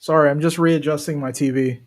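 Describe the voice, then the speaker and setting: Hosting a live football watch-along, this man speaks a little fast in a fairly high, steady voice. His casual match commentary is chatty and aimed straight at his viewers.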